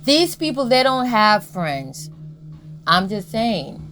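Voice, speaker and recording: A woman's voice: a little high, sing-song, takes it slowly, fairly bright tone, a little hiss or hum. A woman giving a blunt, emphatic spiritual commentary, swearing freely and often checking in with "Okay?". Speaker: tarot and astrology content creator. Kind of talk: casual spiritual commentary monologue.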